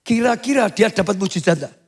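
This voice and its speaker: Older male pastor, high voice. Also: lively intonation, fast, gravelly, slightly rough. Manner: swings to high shouting when acting out cries. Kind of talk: sermon.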